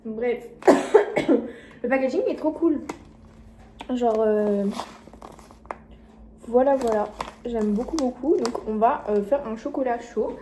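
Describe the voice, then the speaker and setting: A woman's voice: fairly high pitch, slow pace, long pauses, warm tone. A young woman vlogging casually at home in her kitchen, rambling with lots of fillers and poking fun at herself, recorded on a phone. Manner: rambling, filler-heavy, self-mocking. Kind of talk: casual vlog chat. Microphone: phone camera mic. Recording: echoey room, faint noise.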